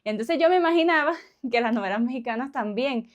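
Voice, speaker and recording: A woman's voice: a little high, animated, a little fast, dull audio. Chatty Cuban woman vlogger. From Cuba. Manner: chatty, laughs often, tag questions. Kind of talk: casual chat to camera.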